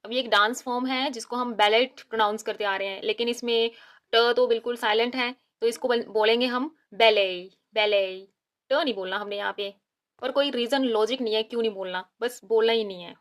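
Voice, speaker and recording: A woman's voice: fairly high pitch, steady tone, brisk, fairly bright tone. A woman teaching English pronunciation in a short lesson, wry and mock-exasperated about odd spellings. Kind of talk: short lesson explaining words. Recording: music playing behind.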